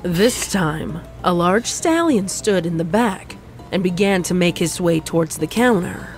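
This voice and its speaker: A woman narrating a fan story in an even storybook reading. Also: on the low side, measured pace, faint music behind. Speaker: fanfic narrator. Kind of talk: scripted narration.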